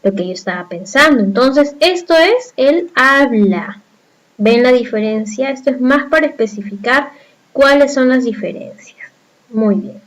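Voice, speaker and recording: A woman's voice: sits high, expressive, unhurried, rough recording. A woman from Peru with a Peruvian accent, teaching a recorded class and explaining step by step with frequent rhetorical questions to the students. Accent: Peruvian Spanish.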